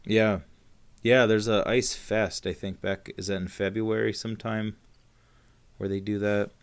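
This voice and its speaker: A man's voice: fairly low pitch, level tone, a little slow, smooth. A man from Michigan's Peninsula, co-hosting a casual podcast and rambling with many fillers and restarts. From Upper Peninsula of Michigan. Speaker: podcast co-host. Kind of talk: casual chat.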